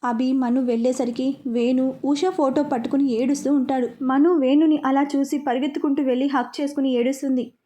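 High-voiced woman storyteller. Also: steady tone, a little fast, mellow. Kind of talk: storytelling narration.

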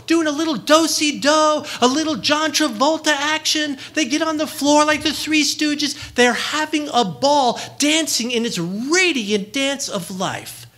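A middle-aged man giving a reflection, telling a family story with lively delivery and acting out the dialogue. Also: extremely high pitch. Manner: animated storyteller who acts out quoted dialogue.

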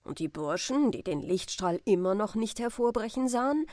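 A woman reading a classic adventure story aloud as a bedtime audiobook, calm and expressive. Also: medium pitch, moderate pace, no room sound, clean studio sound. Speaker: audiobook reader.

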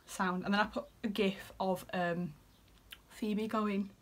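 A woman's voice: mid-range voice, fairly even intonation, slow pace. Yorkshire girl in her 20s reading out her messages, chatty, giggles a lot, whispers bits. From Yorkshire, England. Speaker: vlogger. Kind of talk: casual chat reading out messages.

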